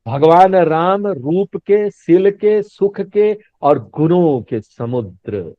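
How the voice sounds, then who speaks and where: Drawing out his words in an animated way, the male swami talks in a voice on the high side, keeping his Hindi spiritual discourse chatty, full of laughter and questions for the audience. There's no echo, and the sound is dull, dry and lo-fi.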